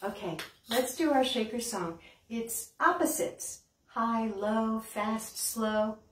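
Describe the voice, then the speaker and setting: An older American storytime host at a library takes it slowly, her voice on the high side. Through puppets, songs and a read-aloud, she asks little children simple, encouraging questions. The audio is roomy, with a distant mic and background hiss.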